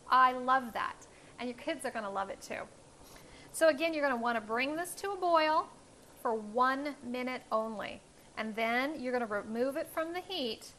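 Bright-voiced woman hosting a cooking demo. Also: sits high, a little hiss or hum. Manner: friendly instructional, step by step. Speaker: cooking show host. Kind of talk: cooking demonstration. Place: home kitchen, indoors. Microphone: lapel mic.

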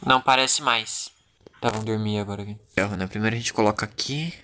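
A man's voice: on the low side, steady tone, fast, sharp tone, a little hiss or hum. A man with a Rio Grande do Sul accent giving joking, crude, jittery Let's Play commentary from home. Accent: southern Brazilian, Rio Grande do Sul. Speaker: gaming YouTuber.

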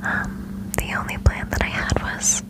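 Slow, whispering young woman, close on mic. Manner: whispering softly, as if telling a secret; slow, repeating words for effect. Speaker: ASMR video host. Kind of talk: whispered ASMR chit chat. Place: small bedroom, on the bed. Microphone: large desk microphone, very close.

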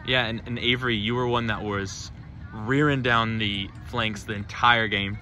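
A man's voice: fairly low pitch, fairly even intonation, normal speed, pushed and bright. A man interviewing players after a game on an outdoor field at night, asking long, rambling questions with many restarts. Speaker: sideline interviewer.

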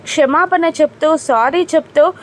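A woman with a high, light voice retells a TV serial episode as steady narration, with the odd filler sound. A faint hiss sits behind her voice. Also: a little slow.

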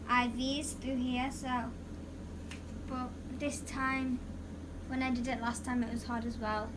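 A young woman, weak after surgery, speaking casually as a patient keeping a video diary from her hospital room. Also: high voice. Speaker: patient vlogger recovering from surgery. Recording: noisy hospital room recording.

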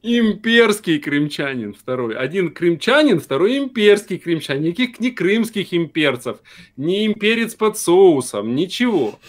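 A man from Crimea with a notably high voice, talking as a stream guest. He argues and rants about current events in a casual chat, breaking into laughter often. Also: sing-song, unhurried.

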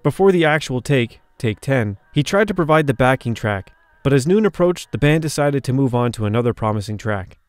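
A man's voice: mid-range voice, expressive, a little fast. A man reading a scripted documentary narration, shifting his emphasis from phrase to phrase.

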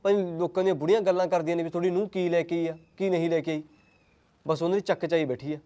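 A man's voice: fairly high pitch, steady tone, very fast, dark tone, lightly acted. A man playing a young husband who argues with his mother, speaking in a Punjabi accent. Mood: calm. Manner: heated, arguing. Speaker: son and husband. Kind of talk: acted family drama.

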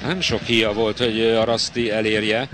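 A man giving live football match commentary as the commentator, with excited bursts. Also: fairly low pitch. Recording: clear stadium noise behind.

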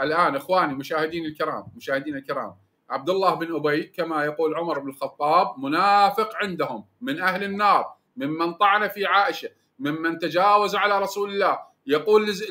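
A man's voice: sits high, bright, forceful tone. A man arguing in a heated religious debate, insistent and repeating himself to hold the floor. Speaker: debate panelist.

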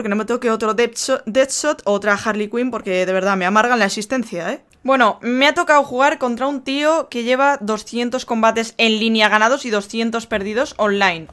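A woman with a Spain accent commentating on gameplay casually as a raging, excitable gamer who exclaims, complains and swears in slang. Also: on the high side. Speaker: gaming video host.

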